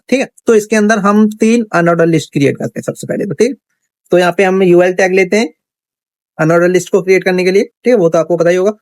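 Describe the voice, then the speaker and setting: A coding teacher narrates a casual screen recording, thinking aloud and often asking "theek hai" to check in. His voice is a little high and slightly mellow, captured dry.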